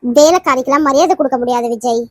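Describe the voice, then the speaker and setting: A woman's voice: sits high, fast, dry recording, voice pushed down. A woman voicing an arrogant middle-aged aunt in a cartoon, talking in a scornful, scolding way.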